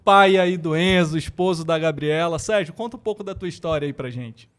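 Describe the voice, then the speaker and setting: A man's voice: on the high side, brisk, a bit bright, clean tone. A Brazilian man hosting a podcast, introducing and questioning his guest in a friendly, enthusiastic way. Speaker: podcast host. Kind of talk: casual podcast interview.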